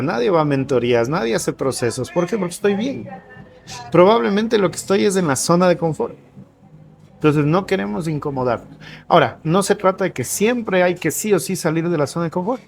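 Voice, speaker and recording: A man, a coach, explaining ideas to an interviewer in a lively conversational way, often posing questions and answering them himself. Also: sits high, gravelly. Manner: animated, asks and answers own questions. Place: café.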